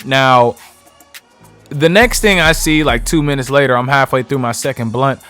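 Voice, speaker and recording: A man's voice: medium pitch, normal speed, a bit bright, clear, resonant tone, soft background music. A young man telling a heated, profane storytime about his own night out. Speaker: vlogger. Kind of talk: casual storytime.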